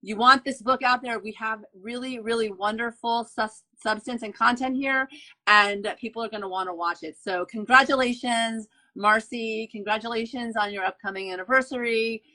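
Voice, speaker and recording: In a low-quality recording, a woman podcast host with a fairly high, sharp voice delivers an excited wrap-up to an author interview. Her tone stays steady and her pace moderate, though she gushes and tends to repeat herself.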